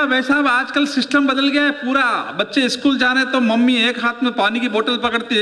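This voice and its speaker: High bright man telling comic stories. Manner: storytelling, playful, audience banter. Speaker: stand-up poet. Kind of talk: humorous Hindi poetry recital. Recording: long hall reverb.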